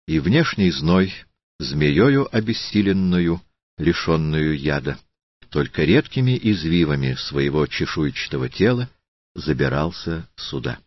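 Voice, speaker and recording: A man reading a literary audiobook in a slow, deliberate, solemn manner. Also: rumbling low, expressive, no room sound, highs cut off. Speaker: audiobook narrator.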